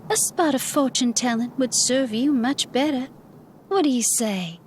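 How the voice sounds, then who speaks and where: An actress playing a playful, mysterious all-seeing fortune teller in a video game, with a theatrical, coy, mystical manner. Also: female voice, high-pitched, moderate pace, a little mellow, slight background noise, natural voice. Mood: knowing, mystical. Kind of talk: video game character acting.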